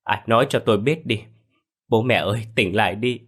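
A man's voice: fairly low pitch, normal speed, natural voice. A man voicing a scheming young wife who fakes tearful grief with wailing, sobbing pleas in a told story. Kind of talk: storytelling with acted dialogue.

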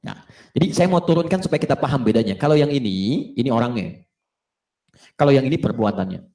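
A male Islamic preacher giving a lively religious lecture to a live audience, asking them questions and acting out short dialogues. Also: mid-range voice, a little fast. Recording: roomy echo of a hall.

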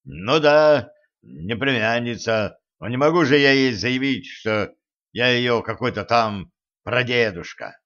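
A man voicing a sly, proud old male sorcerer who bristles quickly, read slowly in a slightly dull recording. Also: mid-range voice, lively intonation, a bit bright. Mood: indignant.

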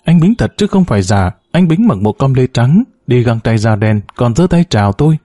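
A frail, dying young wife in an audiobook, speaking in a faint, halting whisper, as a male narrator reads her lines. Her voice stays low and dark, with a mellow tone and a dry, close sound. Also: very animated, dry recording. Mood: feverish, urgent.

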